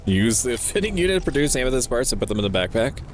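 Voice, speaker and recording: A man's voice: mid-range voice, very animated, fast, soft background music. A man livestreaming a game, thinking aloud in casual commentary with a playful, sweary manner. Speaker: livestreamer, VTuber. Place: indoor livestream setup with game music behind.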